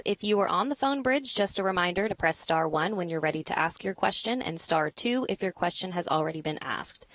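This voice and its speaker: An American woman moderates a press briefing in a polished, official style. Her mid-pitched voice is recorded dry, with scripted announcements delivered cleanly. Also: fairly bright tone, no echo. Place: space center briefing room, dry close sound.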